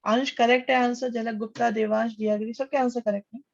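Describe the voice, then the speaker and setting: A man's voice: very high voice, little pitch movement, fast talker. Guy teaching a maths class online, reads out kids' names and says well done, muffled lo-fi sound. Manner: calls students "beta", reads out names and praises answers; conversational, repeats questions back to the class.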